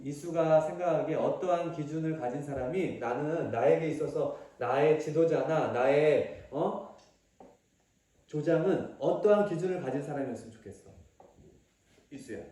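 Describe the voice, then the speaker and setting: A man with a fairly high voice preaches a family sermon, coaxing children with question after question. He is recorded from a distance in a very echoey church hall. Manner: coaxing, question-asking, acts out shouting. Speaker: pastor.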